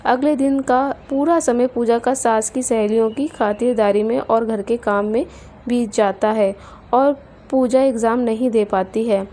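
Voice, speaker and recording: A woman narrating a family drama story in a steady, plain way. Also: fairly high pitch, unhurried.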